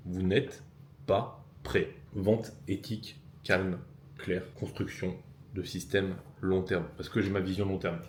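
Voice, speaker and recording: A self-assured man speaks in a motivational vlog, his voice pitched very low. He hammers home his points by repeating them. The room rings with echo and a faint hum of ambience underneath. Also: a little mellow. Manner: self-assured, emphatic, repeats key phrases. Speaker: fitness and business coach. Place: lives abroad in Bangkok.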